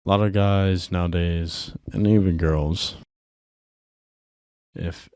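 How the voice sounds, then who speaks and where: Deep, flat-voiced tired young man. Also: slow, smooth, no room sound, studio quality. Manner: profane, laid-back rambling. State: tired and drinking. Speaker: host. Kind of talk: casual solo music commentary.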